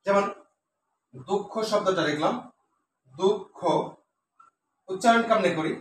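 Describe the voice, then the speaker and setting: Male teacher, high voice, patient step-by-step explanation with fillers, recorded from a distance. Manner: explains step by step, repeats words slowly with many "uh" fillers. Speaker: Bengali teacher. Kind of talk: classroom lesson on pronunciation. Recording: echoey room, voice from a distance, faint noise.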